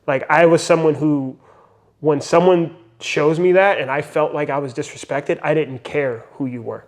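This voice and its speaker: A man's voice: a little high, steady tone, normal speed. A young man and father talking earnestly in a casual podcast conversation, reflecting and using many fillers. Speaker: podcast co-host.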